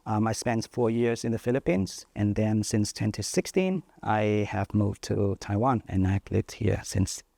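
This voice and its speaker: This is a man in his thirties from northern Vietnam, speaking English as a second language. His voice sits low with a gravelly edge. He answers in a measured, thoughtful way, often pausing with fillers, recorded close and dry. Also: warm tone, dry recording. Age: 30s. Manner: thoughtful, pauses with frequent fillers. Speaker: journalist guest. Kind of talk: interview answers.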